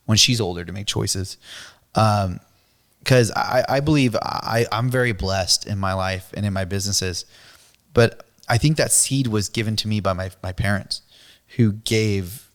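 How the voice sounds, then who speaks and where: Man, middle-aged, low voice, halting, repeats words, casual faith chat. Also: fairly bright tone. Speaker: podcast co-host.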